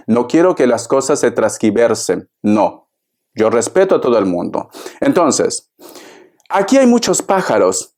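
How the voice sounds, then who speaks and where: A man's voice: mid-range voice, warm tone. A man giving a tarot reading straight to the viewer in a theatrical, chatty way, calling the listener darling. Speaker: tarot reader.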